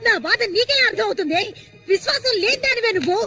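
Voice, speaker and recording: An actress playing a frantic village mother who wails and shouts accusations, heard on a film soundtrack. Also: extremely high pitch, animated, quick pace. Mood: furious. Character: frantic, furious village mother defending her daughter. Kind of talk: film melodrama acting. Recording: film soundtrack with music and crowd.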